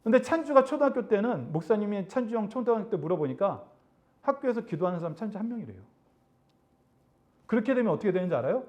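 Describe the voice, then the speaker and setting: A middle-aged male youth pastor preaching to teenagers in a church service, animated and conversational, acting out voices of others. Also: fast. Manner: animated, acts out classmates' taunts, drops soft and low for God's comfort. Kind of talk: sermon to teenagers.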